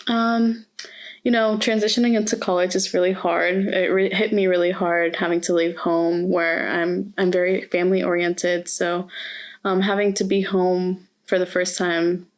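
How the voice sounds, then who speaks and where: A woman's voice: fairly low pitch, flat delivery, normal speed. A young woman from Mexico, interviewed as a student, speaking earnestly and reflectively with frequent hesitations. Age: young adult. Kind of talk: oral history interview. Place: university campus.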